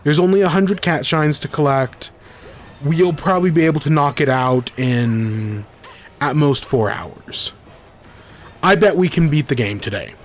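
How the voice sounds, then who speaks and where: A young man hosts a gaming podcast as a casual livestream chat, rambling and correcting himself as he goes. He's congested from a cold with a scratchy throat. His pitch is fairly high and his pace a little slow.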